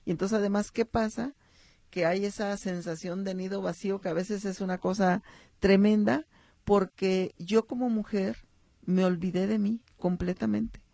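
Brief: middle-aged Mexican psychologist host, heavy vocal fry, dark mellow tone, storytelling manner. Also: female voice, mid-range voice, steady tone, normal speed, dry recording. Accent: Mexican Spanish. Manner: warm storytelling, acts out short quotes, addresses listeners. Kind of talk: reflective talk on motherhood and stories.

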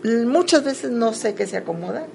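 A woman speaks gently and reflectively as she hosts a talk. Her voice has a gravelly edge. Music plays behind her. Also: fairly high pitch, lively intonation, normal speed. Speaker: host. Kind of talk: live talk on body awareness.

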